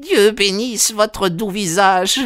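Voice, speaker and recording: A man voicing an old, anxious female housekeeper in a high, shaky falsetto for an audiobook. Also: slow, fairly bright tone, smooth, no room sound, studio quality. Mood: hysterical. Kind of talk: audiobook character voice.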